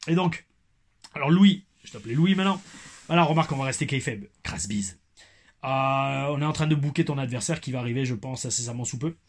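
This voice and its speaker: A man's voice: medium pitch, brisk. A man hosting a casual wrestling review vlog, playful and crude, with a recurring "oh oui" catchphrase.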